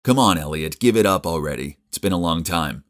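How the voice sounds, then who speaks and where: A man's voice: deep voice, animated, a little fast. A man voicing a young man who bluntly tells his ex to move on. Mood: fed up. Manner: blunt, weary.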